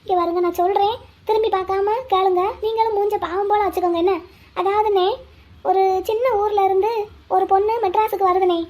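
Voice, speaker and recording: Vennila, a shrill wary village girl. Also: steady tone, a little fast, darkish tone. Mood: coaxing. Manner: talks to herself, pleading and coaxing. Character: young village woman, wary and scheming. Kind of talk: cartoon voice acting, inner monologue and dialogue.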